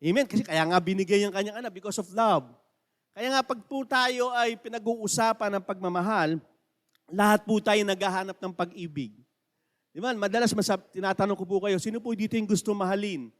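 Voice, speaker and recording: High-voiced preaching pastor in a reverberant hall. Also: male voice, a little fast. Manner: conversational preaching, asks the congregation questions. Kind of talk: sermon. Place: church sanctuary.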